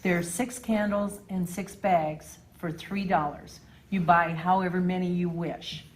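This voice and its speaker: A woman's voice: fairly low pitch, fairly even intonation, measured pace. A woman giving an informal, orderly announcement at a club meeting in a matter-of-fact way. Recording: clear room noise.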